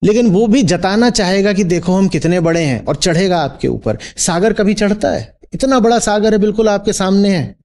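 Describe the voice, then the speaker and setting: A man's voice: high-pitched, moderate pace, few pauses, a little mellow. A man teaching as a spiritual teacher in a discourse, posing rhetorical questions and checking in with his listeners.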